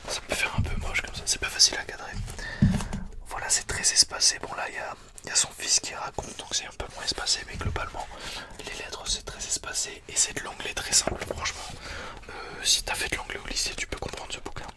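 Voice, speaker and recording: ASMR reviewer, sustained soft library whisper, informal explanatory delivery, close to the microphone. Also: brisk. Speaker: ASMR video creator.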